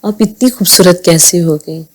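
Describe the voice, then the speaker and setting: A woman's voice: lowish voice, a little mellow, close to an everyday voice. A woman voicing a playful, teasing teenage daughter in a read-aloud audio novel.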